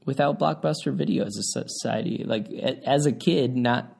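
A man's voice: medium pitch, moderate pace, creaky, a little mellow, husky. A young man co-hosting a podcast, chatting casually and joking, with frequent fillers as he trails off. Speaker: podcast co-host. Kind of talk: casual chat.

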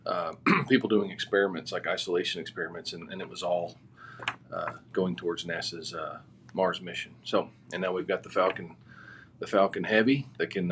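A man as a podcast guest, giving relaxed, rambling answers with many fillers. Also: low voice, slight background noise. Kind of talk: casual interview answers.

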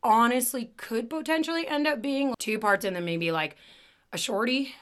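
A woman podcast host with a raspy smoker's voice, chatting casually and informally about true crime, with swearing and jokes. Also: fairly high pitch, normal speed, fairly bright tone.

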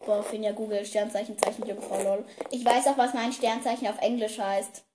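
A teenage girl chatting casually as podcast host, giggly and teasing, talking fast. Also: mid-range voice, fairly even intonation, mellow. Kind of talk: casual chat.

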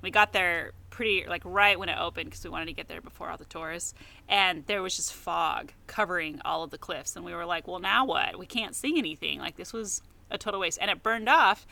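A woman's voice: lowish voice, fairly quick, vocal fry. An American woman co-hosting a book podcast, chatting casually and telling a travel story. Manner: storytelling, relaxed. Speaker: podcast co-host.

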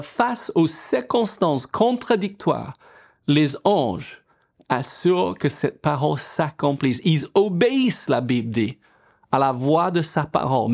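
A man's voice: a little high, a little mellow. A middle-aged male pastor preaching a sermon, quoting scripture and asking the congregation questions.

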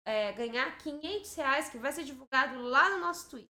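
A Brazilian woman co-hosting a casual livestream chat, animated and teasing and quick to scold her partner. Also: sits high. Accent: Brazilian Portuguese. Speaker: livestream co-host.

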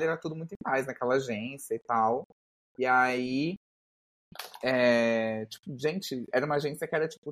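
Husky Brazilian man telling an anecdote. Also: fairly high pitch. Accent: Brazilian Portuguese. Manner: relaxed, rambling anecdote telling. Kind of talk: casual podcast chat.

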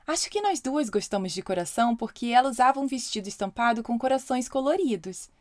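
A woman hosting a children's podcast, narrating a story in a lively storytelling voice. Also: on the high side.

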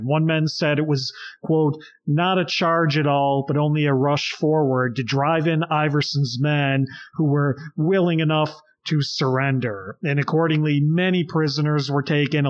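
A man's voice: a little high, highs cut off. Enthusiastic man co-hosting a history podcast. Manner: enthusiastic, addresses listeners directly. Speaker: podcast co-host.

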